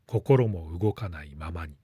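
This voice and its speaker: A man reading a story aloud in a calm, measured narration. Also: low-pitched, slightly rough, dry recording. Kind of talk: scripted narration.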